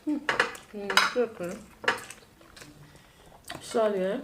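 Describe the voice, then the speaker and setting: A woman's voice: mid-range voice, slow pace, very noisy. A woman with a Nigerian accent in casual, playful banter with her spouse, talking while she eats. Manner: giggly, playful; talks while eating. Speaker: mukbang vlogger playing a prank on husband.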